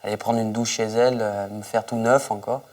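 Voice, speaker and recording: A man's voice: lowish voice, level tone, brisk, darkish tone, no room sound. A man telling colloquial anecdotes in an informal documentary interview, as a member of an expedition. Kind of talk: informal spoken recollection. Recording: dry, slightly distant microphone.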